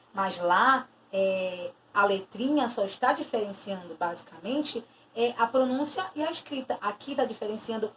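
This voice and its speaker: Woman teacher, distant mic. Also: a little high. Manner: explanatory, repeats key terms with stressed emphasis. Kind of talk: recorded video lesson. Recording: distant mic with faint noise.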